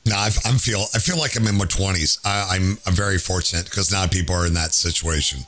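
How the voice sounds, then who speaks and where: A man in his late fifties hosting a podcast, chatting casually in an animated, jokey way with a slightly hoarse voice. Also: low voice, fast talker. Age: 50s. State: hoarse from laryngitis. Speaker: podcast host.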